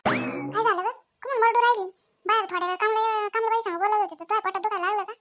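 A woman voicing a sharp village mother-in-law who scolds and keeps demanding answers. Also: very high-pitched, quick pace, faint music behind. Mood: scolding.

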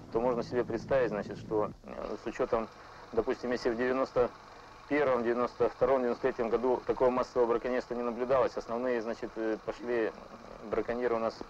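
Male patrol officer, forties, interview delivery, quick pace, slightly noisy muffled recording. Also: mid-range voice, a little mellow. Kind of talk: documentary interview. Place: small ship's wheelhouse. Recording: dull sound with faint background noise.

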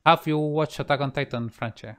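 Smooth-voiced man. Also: fairly high pitch, steady tone, a little fast, a bit bright. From Chile. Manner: laid-back, hesitant with many fillers. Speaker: game developer. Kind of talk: casual live-stream chat.

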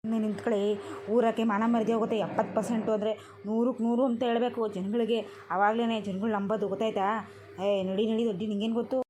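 A woman's voice: on the high side, flat delivery, a crowd in the background, lightly acted. A woman voicing a boastful old village grandmother in a cartoon comedy, bragging and scolding. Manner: bragging, scolding, quick-talking.

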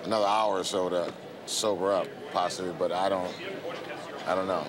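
A man's voice: deep voice, steady tone, moderate pace, a crowd in the background. A middle-aged man talking off the cuff as an airline supervisor, explaining a situation. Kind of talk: spontaneous explanatory talk. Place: large indoor airport gate. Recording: airport gate, loud music behind.

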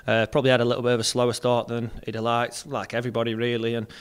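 A man's voice: mid-range voice, monotone, clear, resonant tone. A young man, a football club captain, giving a post-match interview into a handheld mic in front of a sponsor board, repeating words as he thinks. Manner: plain, measured, repeats words while thinking. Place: indoors in front of a sponsor backdrop. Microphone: handheld mic held close.

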